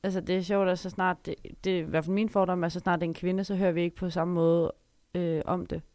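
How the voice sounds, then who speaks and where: A woman's voice: on the low side, flat delivery, a little mellow, no echo. A woman chatting casually on a podcast, talkative and laughing often.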